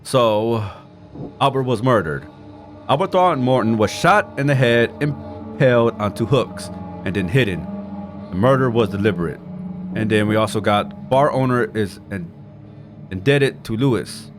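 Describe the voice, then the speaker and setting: With music playing in the background, a male streamer whose mid-range voice has lively intonation talks at a measured pace through a casual game playthrough. He reads clues aloud and tosses in informal jokes.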